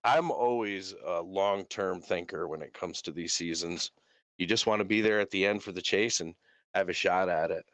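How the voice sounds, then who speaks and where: A man with a voice slightly on the low side answers as an interviewed racing driver. His delivery is casual, and the sound is dry. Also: moderate pace, a bit bright, no room sound.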